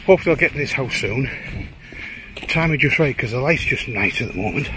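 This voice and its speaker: A man's voice: medium pitch, lively intonation, fairly quick. Breathless Teesside man vlogging outdoors. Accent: Teesside English. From Teesside, England. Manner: chatty, self-deprecating, rambling asides. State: out of breath from hiking. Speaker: photographer vlogger. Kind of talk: casual walking vlog. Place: outdoors on a windy highland lochside trail. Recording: wind noise outdoors.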